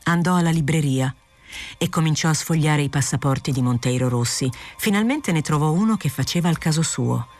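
A woman narrating a literary novel aloud in a steady, clear, unhurried audiobook reading. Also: low-pitched, soft background music. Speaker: audiobook reader.

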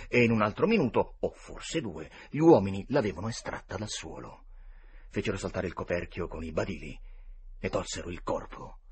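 A man reads a classic novel aloud in a dramatic storytelling manner. His voice sits low and husky with a breathy edge, and his pitch rises and falls widely. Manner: dramatic, expressive reading. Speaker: reader. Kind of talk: storybook narration.

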